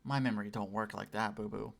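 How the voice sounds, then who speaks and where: Chatting casually on a gaming livestream, a man in his late twenties adopts an intentionally raised customer service voice. His voice sits lowish and sounds gravelly, with fairly even intonation, and his talk is sweary and self-deprecating.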